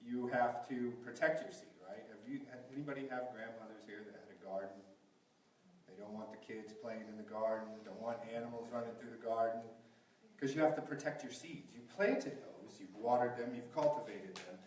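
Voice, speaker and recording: Echoey preacher at a pulpit microphone. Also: male voice, mid-range voice, fairly quick, darkish tone, slight background noise. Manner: asks the congregation rhetorical questions. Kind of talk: sermon. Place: large echoey church hall. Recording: very echoey, from a distance.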